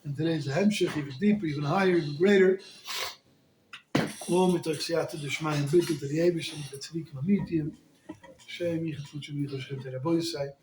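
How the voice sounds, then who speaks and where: A high-pitched man teaching a Torah class, lively and animated as he talks. He folds Yiddish and Hebrew terms into his English. The room around him is roomy and echoey. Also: a little hiss or hum. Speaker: rabbi.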